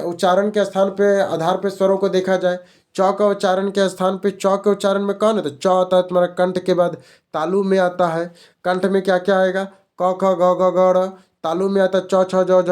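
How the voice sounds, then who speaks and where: A man's voice: sits high, darkish tone. A male teacher running an exam-prep grammar lesson, repeating each question and answer as a drill.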